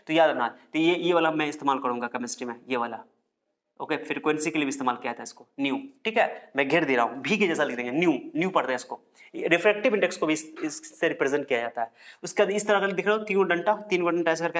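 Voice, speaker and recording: A man's voice: fairly high pitch, a bit bright. A male teacher from India giving a chatty classroom lecture, repeating terms and joking as he writes on the board.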